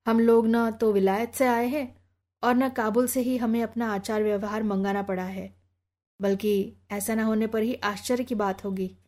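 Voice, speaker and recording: A woman reading the lines of an earnest, polite young man in an audiobook, in formal, measured speech. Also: a little high, fairly even intonation, a little mellow, natural voice. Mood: courteous.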